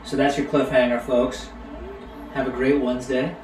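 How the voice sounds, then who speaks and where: A man's voice: mid-range voice, normal speed. A middle-aged man co-hosting a live cooking stream, chatting casually with viewers and his kids. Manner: relaxed, chatty, talks to viewers and kids by name. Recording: roomy sound from a distant mic, faint background noise.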